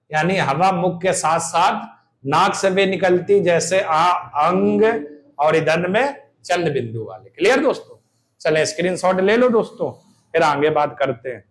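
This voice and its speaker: A man with a high voice teaches an exam-prep grammar lesson at an unhurried pace. He drills vowel sounds aloud and repeats each key term, asking his own questions and answering them. The sound is roomy and echoey. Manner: asks questions and answers them himself, checking "clear?".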